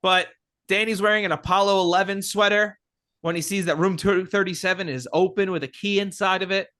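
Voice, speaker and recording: A man's voice: high-pitched, steady tone, a little fast, sharp tone. A man co-hosting a podcast, wryly pointing out film details in casual chat. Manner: wry, nitpicky, points out film details and laughs. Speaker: podcast co-host.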